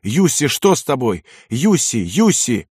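A man's voice: medium pitch, very animated, unhurried, darkish tone, slightly rough, no room sound, studio quality. A man voicing a distraught young woman who pleads tearfully, in an audiobook. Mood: frantic.

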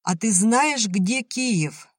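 A man's voice: high-pitched, expressive, very slow, no room sound, voice pushed up, full character voice. Guy reading a snappy bitter woman director, curt and angry, dry sound.

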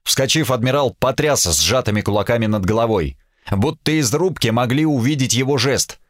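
A man narrating an audiobook in a steady, expressive reading. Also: medium pitch, moderate pace, dry recording, clean studio sound. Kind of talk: scripted narration.

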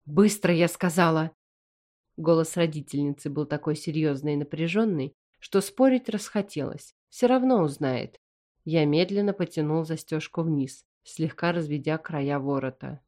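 A woman narrating a fantasy novel in first person with an even, measured reading. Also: low voice. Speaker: audiobook narrator.

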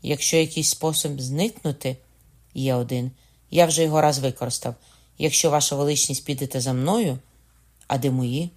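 A man's voice: medium pitch, steady tone, moderate pace, darkish tone, close to an everyday voice. A man reading as an urgent young nobleman. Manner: urgent, pressing. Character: devoted young male nobleman, urgent and daring.

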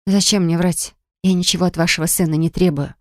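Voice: medium pitch, steady tone, brisk, darkish tone, no room sound, clean studio sound, lightly acted. A narrator voicing a defiant young woman who owns a pastry shop and answers back indignantly. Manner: indignant, stubborn. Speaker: storybook character.

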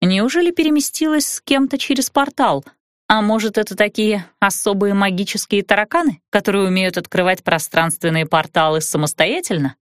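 A woman narrating an audiobook in the first person with an expressive, wry delivery. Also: mid-range voice, fairly quick, no room sound, clean studio sound.

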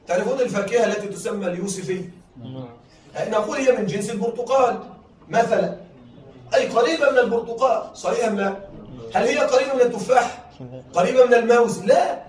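A man's voice: sits high, darkish tone. A man teaching a classroom lesson, stretching key words for emphasis and often checking that his students are following. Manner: repetitive, keeps checking that listeners follow. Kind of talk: classroom lecture. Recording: roomy, distant mic, faint noise.

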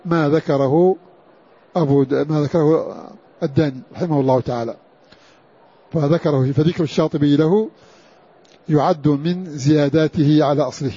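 A man lecturing as a religious teacher, his voice husky and slightly raised in pitch. He repeats key phrases and chants brief recitation samples. It comes through a dull, lo-fi recording. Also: normal speed, long pauses, mellow. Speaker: Quran scholar teaching a class. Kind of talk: classroom lecture on Quran orthography.

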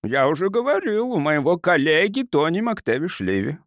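A man voicing a genial, crafty doctor who bargains in a soft, sugary, unhurried voice for an audiobook. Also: fairly high pitch, very animated, dry recording, studio quality, voice pushed up. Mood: sly, coaxing.

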